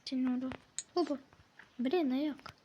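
A woman's voice: high-pitched, warm tone, slight background noise. A woman giving casual let's-play commentary, scolding and swearing at the game characters as she plays. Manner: slow, drawn-out delivery. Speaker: gameplay commentator.

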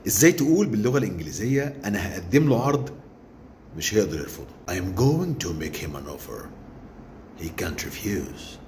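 A man with an Egyptian Arabic accent, an English teacher, gives a relaxed English lesson. He says the English phrases very slowly, then tosses in quick joking asides. His voice is lowish with a darkish tone.

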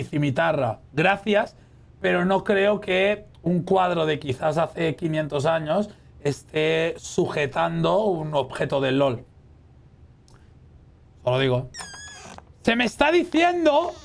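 A man playing a horror game as a streamer, chatting casually with his viewers, swearing and yelling at the scares. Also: sits high, gravelly. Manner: excitable, swears and shrieks at scares, talks to chat. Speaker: gaming streamer. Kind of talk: casual let's-play commentary.

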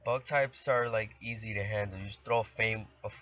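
A teenage boy hosts a gaming channel, doing let's play commentary from his bedroom and playfully trash-talking his opponents. His male voice is lowish and a bit bright, with fairly even intonation and a slightly fast pace. The home recording is dull, lo-fi, and dry.

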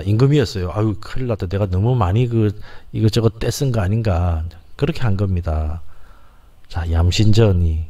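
Low-voiced man sounding out words. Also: mellow. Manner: repeats words and sounds out syllables slowly, often starts with "자". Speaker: lecturer on language history. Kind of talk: informal lecture.

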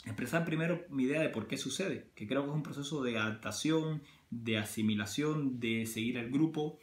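A man with a Cuban Spanish accent chats straight to camera, working through his point with plenty of restarts and everyday examples. His voice sits at a middling pitch and carries the echo of a bare room. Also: moderate pace. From Cuba. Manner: conversational, many restarts and examples. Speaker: vlogger. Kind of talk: casual talk to camera.

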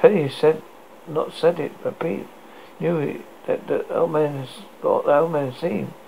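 A British man with a gravelly voice narrates a story aloud in a halting, stumbling way. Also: fairly high pitch, fairly even intonation, darkish tone, low-quality recording. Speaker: podcast host reading a story. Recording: noticeable background noise.

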